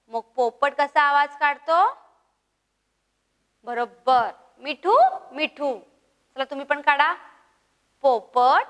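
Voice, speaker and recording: A woman teacher with a high voice leads a first-grade lesson at an unhurried pace. She coaxes the children to repeat after her and imitates bird calls. Her voice carries a long reverb. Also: a bit bright.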